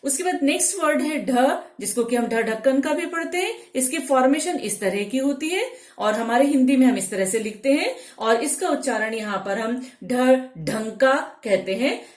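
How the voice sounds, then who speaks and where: A woman's voice: on the high side, roomy sound. A woman teaching a language lesson, explaining patiently step by step and correcting herself now and then.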